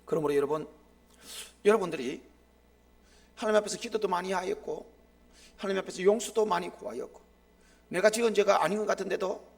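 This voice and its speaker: A middle-aged man preaching a live sermon as a pastor, impassioned, swinging sharply between loud and hushed. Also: high voice, a little fast, vocal fry, long pauses.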